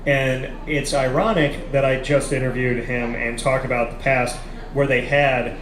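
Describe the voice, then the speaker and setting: A man with a medium-pitched voice hosts a casual live sports discussion in a café, where the recording is echoey and noisy. His delivery is flat and measured, yet he presses his points emphatically and repeats them for stress.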